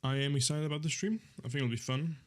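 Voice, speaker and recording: On a casual live stream, a man in his twenties talks to his audience in an easygoing, rambling way, filling gaps with fillers and often correcting himself. He's a fast talker with a voice on the high side.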